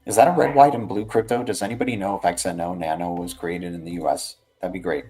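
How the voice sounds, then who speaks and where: Low-pitched man streaming casually, music behind. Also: steady tone, fast talker, darkish tone. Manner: rambling, slangy, often ends phrases with "right" and "man". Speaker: livestream host. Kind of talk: casual livestream market commentary.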